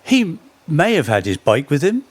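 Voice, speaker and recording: A man's voice: a little high, huge pitch swings, normal speed, no room sound. A man giving a storytelling talk about folk song history, anecdotal and full of wry humorous asides.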